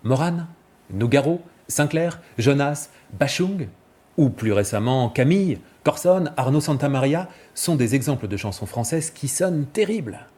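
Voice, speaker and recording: A male vocal coach giving a clear, didactic scripted explanation and demonstrating examples. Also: mid-range voice, animated, measured pace, a little mellow.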